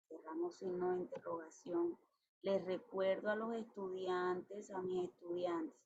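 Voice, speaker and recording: A woman teaching an English grammar lesson, explaining step by step with patience and reading the English examples out slowly. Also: medium pitch. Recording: dull lo-fi sound with faint noise.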